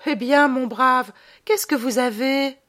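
A woman voicing a kindly mother superior nun from a storybook, fond and gently teasing. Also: sits high, slow, pitched above the performer's own voice.

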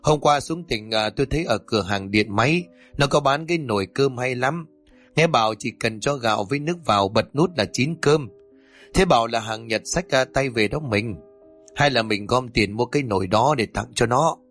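A man's voice: medium pitch, animated, fairly bright tone, soft background music. A man voicing a thoughtful middle-aged village wife weighing a decision. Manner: deliberate, considering.

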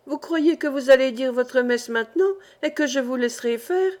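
A woman doing a jolly, excitable old sailor. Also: normal speed, natural voice. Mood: jubilant. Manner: excited, exclamatory, high and loud. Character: jovial vigorous old male sailor in his sixties.

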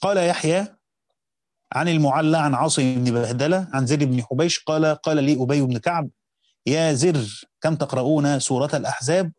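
An Egyptian man reads a classical text at a rapid clip in a mellow, dark voice. He pauses to explain grammar in a slower, conversational tone. The recording is dry and close to the mic. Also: on the high side, no echo. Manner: reads quickly, slows down to explain points of grammar. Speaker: teacher reading and explaining a Quran commentary. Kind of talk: reading a classical text aloud with spoken explanations.

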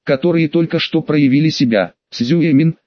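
A man narrating an audiobook in a steady, measured reading. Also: on the high side, no echo. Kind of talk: scripted narration. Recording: dull, dry studio recording.

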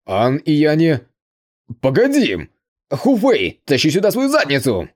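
A man voicing a big-hearted but hot-tempered uncle in an audiobook, hearty and loud. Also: mid-range voice, huge pitch swings, normal speed, pitched above the performer's own voice. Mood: angry. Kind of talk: audiobook character voice.

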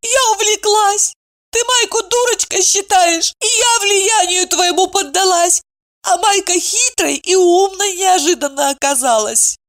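A woman voicing an excitable, tearful woman friend with a shrill, high, sobbing voice. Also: measured pace.

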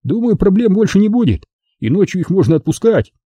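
A man's voice: sits high, big pitch swings, a little fast, mellow, husky, no echo, lo-fi sound, pitched above the performer's own voice, full character voice. A man voicing an earnest young lifeguard who argues firmly. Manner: earnest, firm.

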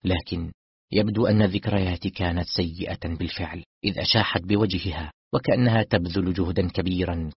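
A man narrating a novel in the first person in a measured, somber tone. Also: low voice, steady tone, breathy edge, no echo. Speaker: audiobook narrator. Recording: dull lo-fi dry recording.

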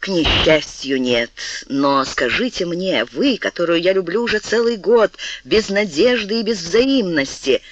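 A man's voice: high voice, lively intonation, unhurried, few pauses, a bit bright. A man voicing a lovesick nobleman who pleads fervently with the woman he loves. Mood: pleading. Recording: dull lo-fi dry recording.

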